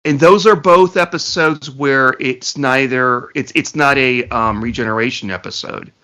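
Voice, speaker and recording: A man's voice: mid-range voice, moderate pace, pushed and bright, clean tone. A man co-hosting a casual podcast, rambling through jokes and asides with plenty of swearing. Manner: joking, profane, rambling asides. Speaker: podcast co-host. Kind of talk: casual podcast review chat.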